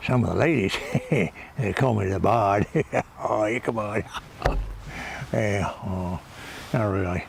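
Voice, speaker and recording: A man's voice: lowish voice, takes it slowly, vocal fry, long pauses, a little hiss or hum. A man playing a folksy, cranky backwoods character, rambling through a comic monologue outdoors by the water. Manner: meandering, folksy, chuckling to himself. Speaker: comedy monologue host.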